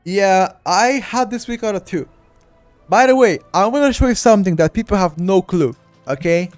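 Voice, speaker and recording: A man with a Bulgarian accent and a high, expressive voice talks at normal speed while playing through a game on stream. He's chatty, speaks right to his chat, and repeats himself frequently. There's no echo, just faint music behind him.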